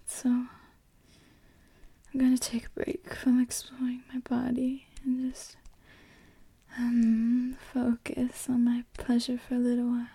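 A woman in an intimate, erotic whispered ASMR role-play for one adult listener, breathy and halting, speaking right in the ear. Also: a little high, completely flat delivery, warm tone, no room sound. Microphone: very close microphone, dry.

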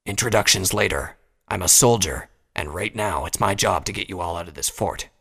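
A grim, battle-worn pony soldier barks short commands, as a man reading a storybook puts him on. His voice sits very low, gravelly and a little husky. He sounds wounded but unshaken. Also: normal speed, a bit bright, exaggerated voice. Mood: commanding. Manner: curt, commanding orders.

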